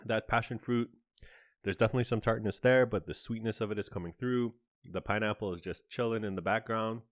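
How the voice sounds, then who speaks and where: A man's voice: on the low side, steady tone, a little fast, no room sound, clean studio sound. A man hosting a casual on-camera candy review, chatty and describing each flavor in detail with small asides. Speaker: candy reviewer, channel host.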